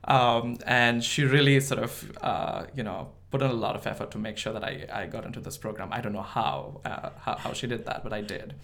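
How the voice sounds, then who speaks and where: A man's voice: mid-range voice, steady tone, brisk, creaky, hardly any pauses, fairly bright tone. A man from India, telling stories in an interview with a self-deprecating, laughing manner. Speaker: guest. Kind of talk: interview storytelling.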